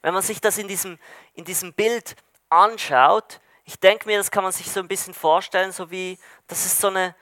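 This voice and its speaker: A male preacher giving a sermon with a high, bright voice. He retells a story in a searching way, with frequent hesitations and restarts. The sound is dry and close. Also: steady tone, normal speed, no room sound.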